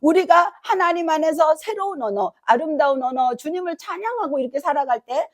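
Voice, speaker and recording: A woman pastor with a high, bright-sounding voice delivers a Sunday sermon in a church. She preaches with animated emphasis and slips into other voices to act out what people said. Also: a little fast. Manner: animated, emphatic preaching that acts out quoted speech. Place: church sanctuary.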